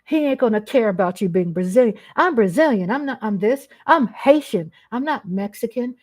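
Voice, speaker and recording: A woman's voice: on the high side, animated, normal speed, a little mellow. A woman hosting her own live-stream vlog, speaking off the cuff in a blunt, emphatic way with casual swearing. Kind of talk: unscripted live commentary.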